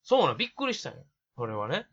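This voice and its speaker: A young man with a Kansai accent, co-hosting a casual podcast, reading listener mail and shooting back quick teasing retorts. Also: mid-range voice, wildly swooping pitch, a bit bright, husky, lo-fi sound. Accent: Kansai Japanese. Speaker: podcast co-host. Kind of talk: casual chat.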